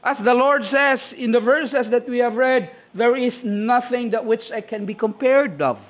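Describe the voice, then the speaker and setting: Slow, high-voiced Filipino preacher. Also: male voice. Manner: slow, deliberate preaching with frequent "okay?" check-ins. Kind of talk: sermon.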